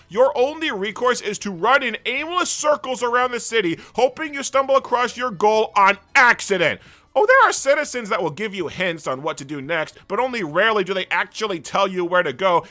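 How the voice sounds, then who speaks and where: Pushed and bright, this man's voice sits high as he delivers a scripted, sarcastic game review full of ranting and curse words. Faint music plays beneath the voice-over.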